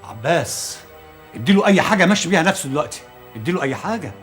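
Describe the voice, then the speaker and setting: An actor with an Egyptian accent, playing a friend who soothes two quarreling men in a TV drama. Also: male voice, on the high side, lively intonation, racing, fairly bright tone, soft background music. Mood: soothing. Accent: Egyptian Arabic. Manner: soothing, placating.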